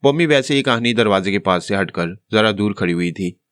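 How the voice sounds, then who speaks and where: Low-voiced man reading a novel, Urdu accent. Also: brisk, no echo, studio quality. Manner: steady storytelling, voicing all characters himself. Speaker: narrator.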